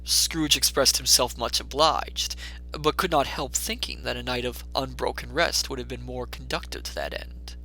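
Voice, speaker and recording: A man reads a classic tale as a dramatic audiobook narrator. His voice sits at a medium pitch and has a very bright, forceful, sharp edge. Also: lively intonation, moderate pace, low-quality recording.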